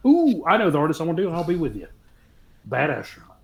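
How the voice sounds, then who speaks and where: A man's voice: on the high side, wildly swooping pitch, fast talker, vocal fry. A man chatting casually as a podcast guest, joking and rambling with plenty of ums. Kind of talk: casual chat.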